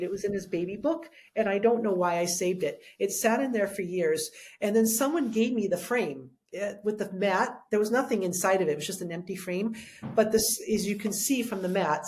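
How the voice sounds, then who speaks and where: A woman's voice: medium pitch, a little mellow. A middle-aged woman, a guest on an interview show, telling her story in a rambling, heartfelt way, full of restarts. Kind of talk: conversational storytelling.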